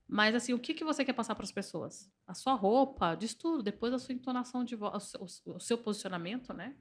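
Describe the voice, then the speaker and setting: A woman speaking with a Brazilian Portuguese accent as a guest in a podcast conversation. She talks in an animated, persuasive way and makes her points through anecdotes from work. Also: fairly high pitch, brisk. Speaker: entrepreneur and organizational systemic therapist.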